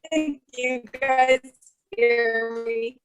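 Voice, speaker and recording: A woman's voice: on the high side, steady tone, drawn-out words. A woman presenting over a video call from a phone, her audio choppy and breaking up, sounding flustered by the tech trouble. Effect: choppy, frozen video call audio breaking up. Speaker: program presenter. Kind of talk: casual video call chat.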